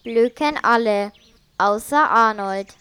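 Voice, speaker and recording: A woman narrating a children's story in a gentle, even way. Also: fairly high pitch, slow pace, clean tone.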